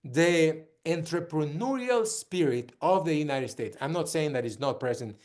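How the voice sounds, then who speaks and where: Earnest man from Peru, slightly high voice. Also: animated, moderate pace, a little mellow. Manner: earnest, with frequent restarts and repetition. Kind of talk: direct-to-camera talk.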